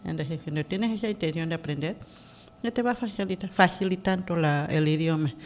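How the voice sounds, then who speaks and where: Woman guest, hesitant and halting, heavy on fillers. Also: lowish voice, a little hiss or hum. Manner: hesitant, many fillers and restarts. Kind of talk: casual interview talk.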